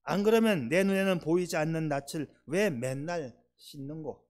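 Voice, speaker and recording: A man's voice: fairly high pitch, normal speed, natural voice. A man reading aloud the homely advice of a plain-spoken mother, in a Gyeongsang dialect. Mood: homespun.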